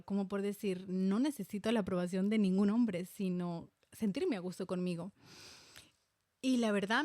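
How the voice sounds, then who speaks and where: A woman's voice: mid-range voice, darkish tone, no room sound, clean studio sound. A woman in her thirties from Spain, talking candidly and reflectively as a podcast host, with many fillers and restarts. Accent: Spanish from Spain. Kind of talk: personal reflective monologue.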